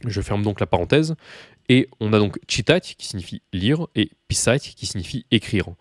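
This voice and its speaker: A man's voice: fairly low pitch, expressive, normal speed, no room sound, clean studio sound. A man teaching Russian to beginners in a casual video lesson, chatty with many fillers and asides, talking straight to the learners.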